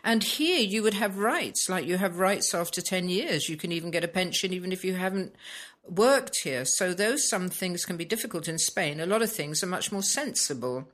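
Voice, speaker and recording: Hesitant woman with a lowish voice. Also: expressive, normal speed, fairly bright tone. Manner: hesitant, searching for words with many ums. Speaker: expat blogger discussing Brexit. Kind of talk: casual conversation. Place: Spain.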